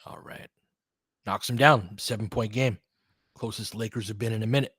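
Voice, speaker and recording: Calling a basketball game as a fan, this host blends live commentary with casual chat, dropping brief, clipped action calls between chatty remarks. He has a fairly low, slightly rough, somewhat bright voice, a steady tone, and normal speed, captured in a dry, studio-quality recording.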